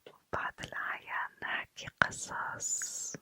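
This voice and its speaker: A woman chatting in a quiet, hushed late-night ASMR whisper, halting pauses. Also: dry recording. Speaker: ASMR video creator. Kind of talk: ASMR casual chat, whispered.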